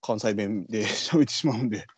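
A man's voice: fairly low pitch, fairly quick, slightly rough, dry recording. A man with a Kansai accent, a podcast co-host chatting casually and rambling with many fillers. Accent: Kansai Japanese. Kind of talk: casual chat.

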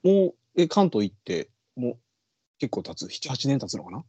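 A man's voice: medium pitch, big pitch swings, normal speed, mellow, breathy edge, dry recording, highs cut off. A man with a Kansai accent, a podcast co-host chatting casually and rambling with many fillers. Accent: Kansai Japanese. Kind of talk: casual chat.

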